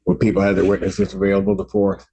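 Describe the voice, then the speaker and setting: A man speaking as a judge, giving rulings from the bench in a formal, deliberate way. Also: sits low, level tone, vocal fry, dark tone, slight background noise.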